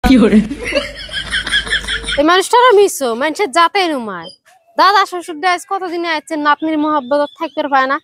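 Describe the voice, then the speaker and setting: A woman playing a shrill scolding wife. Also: lively intonation, moderate pace, long pauses, background noise.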